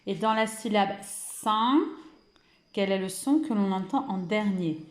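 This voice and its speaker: A woman with a French accent teaches small children over a recording, drawing out every syllable at a very unhurried pace. She praises often and sounds like she is in a roomy, echoing space. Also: medium pitch. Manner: slow, deliberate, stretches out words and syllables. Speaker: kindergarten teacher. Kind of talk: remote phonics lesson for young children.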